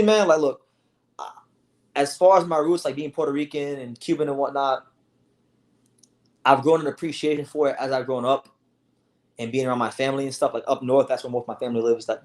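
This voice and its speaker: A young man from South Florida hosting a casual livestream, talking in an animated way with lots of restarts and swearing. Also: mid-range voice. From South Florida, USA. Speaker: livestream host. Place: home, sitting on a beanbag chair.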